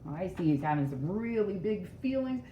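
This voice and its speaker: A woman with a lowish, sing-song voice reads a picture book aloud to young children at normal speed, explaining it along the way. The mic is distant, and the recording has a roomy echo, a dull sound, and faint noise.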